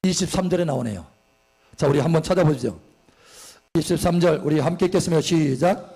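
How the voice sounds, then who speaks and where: A pastor preaching a sermon in church, emphatic and swinging from soft to loud, asking the congregation questions and answering them himself. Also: male voice, on the high side, fairly quick, gravelly, husky.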